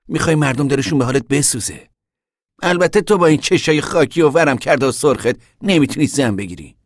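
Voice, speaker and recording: A man's voice: mid-range voice, dry recording, clean studio sound, close to an everyday voice. A male narrator voicing a blunt, impatient young man who talks in a scolding, brusque way.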